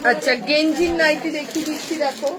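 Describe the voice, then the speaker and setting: A woman, selling clothes from her shop on a live stream with brisk, repetitive sales patter about colours and prices. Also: sits high, fairly even intonation, a crowd in the background, rough recording.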